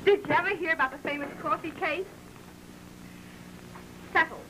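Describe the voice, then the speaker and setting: A woman's voice: very high voice, moderate pace, fairly bright tone. An actress playing a slangy, playful young working-class American woman in an early talkie. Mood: playful, chatty. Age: young adult. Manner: slangy, chatty. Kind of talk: early talkie film acting. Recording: noisy old film soundtrack.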